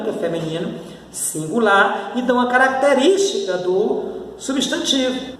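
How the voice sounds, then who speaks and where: A man's voice: sits high, fairly bright tone, slight background noise. A male teacher with a Brazilian Portuguese accent giving a grammar video lesson, explaining patiently and checking in with his students as he goes. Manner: explanatory, checks in with "tá?" and "né?", spells out letters slowly.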